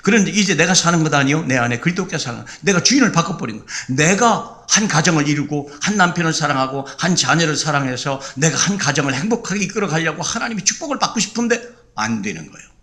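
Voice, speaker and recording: A man's voice: on the high side, expressive, fast, few pauses, sharp tone. A man preaching a sermon emphatically, full of rhetorical questions and repetition.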